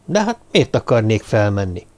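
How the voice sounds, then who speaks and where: A man's voice: on the low side, very animated, darkish tone. A man voicing a grumpy, weary police lieutenant who mutters and sighs through his lines, in a storybook reading. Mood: grumbling. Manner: sighing, grumbling.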